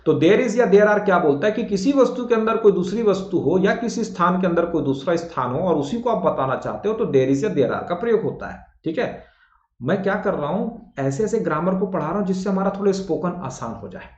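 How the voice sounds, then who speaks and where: A young man teaching an English class in Hindi, who repeats words slowly to drill pronunciation and speaks casually to his students. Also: sits high, animated, darkish tone. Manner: colloquial, addresses students as bhai and beta. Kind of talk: classroom lesson. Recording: dull, echoey classroom sound.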